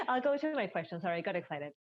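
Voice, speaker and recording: A woman from Peru, asking questions in a video call, excitable and laughing. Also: mid-range voice, dull audio, slight background noise.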